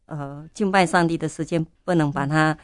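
An older woman speaks in a somewhat low voice, a church elder recounting her experience in an interview. She is fervent and often repeats her prayers aloud. The recording is dry, with almost no room sound. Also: steady tone, moderate pace, smooth, no room sound. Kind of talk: testimony interview.

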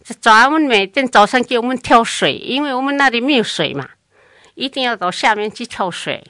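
A woman's voice: on the high side, a little fast, dry recording. An older woman recounting her family's past in a long oral history interview, acting out what others said. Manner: lively, acts out other people's speech.

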